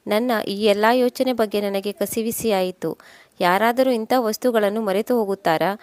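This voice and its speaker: Woman calmly narrating a story, dry close sound. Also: mid-range voice, moderate pace, no echo. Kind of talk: scripted first-person story narration.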